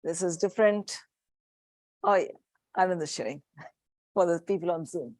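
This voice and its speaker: A lowish-voiced woman speaking at normal speed, she is a psychiatrist with an Indian accent leading a practical parents' workshop live for a room and Zoom. Warm and practical, she shows objects while explaining, and the audio carries no echo.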